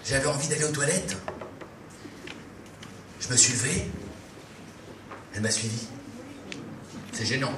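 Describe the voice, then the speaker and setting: A man telling a comic story live, in a playful, halting way, with many fillers. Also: medium pitch, animated. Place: live venue. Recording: echoey room, distant mic, faint noise.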